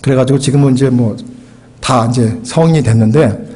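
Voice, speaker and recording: A man's voice: medium pitch, brisk, warm tone, breathy edge, poor audio. A middle-aged man from Korea preaching as a pastor, telling a story and acting out the dialogue, sometimes switching into English phrases. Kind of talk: sermon storytelling.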